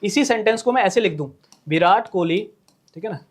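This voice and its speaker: A man's voice: high voice, expressive, a little fast. A man teaching English grammar, repeating points and checking in with rhetorical questions as he writes on a board. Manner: writes on a board while talking, voice drops and drifts from the mic. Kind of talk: classroom-style lesson explaining tense.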